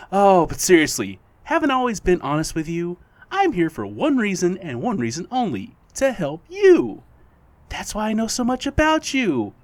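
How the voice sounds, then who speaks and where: In an audio drama, an actor plays a playful supernatural being posing as a best friend, needling and teasing with theatrical, drawn-out delivery. His medium-pitched voice sounds gleeful and coaxing, with no room sound.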